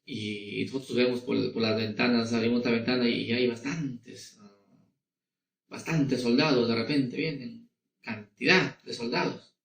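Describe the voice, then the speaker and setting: Slow, gravelly schoolteacher. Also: male voice, medium pitch, fairly even intonation, roomy sound, distant mic. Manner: slow and patient, asking many rhetorical questions. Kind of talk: recorded classroom lesson for children.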